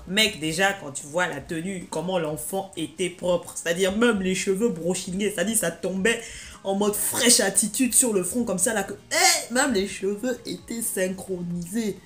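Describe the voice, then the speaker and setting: A young woman vlogger telling a story in an animated, exaggerated, slangy way. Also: medium pitch. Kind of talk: casual storytelling vlog.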